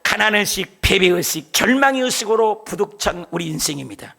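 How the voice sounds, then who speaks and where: A middle-aged male pastor preaching a sermon, giving impassioned testimony that swells into shouting. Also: sits high, lively intonation, normal speed, gravelly.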